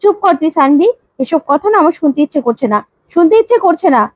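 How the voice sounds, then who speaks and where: A woman's voice: very high voice, animated, quick pace, dry recording, highs cut off. A woman voicing a defensive middle-aged mother who brushes off criticism curtly, in a retold serial story. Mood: dismissive. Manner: dismissive, curt.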